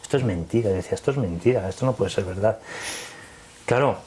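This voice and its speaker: Man, low-pitched, rapid delivery, retells conversations with animation; interview guest. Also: husky. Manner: animated, acts out dialogue in retelling. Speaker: guest telling his story. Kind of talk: casual storytelling interview.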